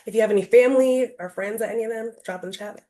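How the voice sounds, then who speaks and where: A woman from Rhode Island gives a casual online presentation over a video call, her fairly high, warm voice racing along. She's chatty and loose, filling her speech with lots of "um" and "like."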